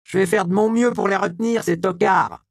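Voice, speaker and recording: A man reading an audiobook, voicing a loyal young prostitute who speaks in hurried, urgent slang. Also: mid-range voice, steady tone, gravelly, darkish tone, dry recording, studio quality, voice pushed up. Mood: shouting. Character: young street woman, frantic, loyal, crude slang.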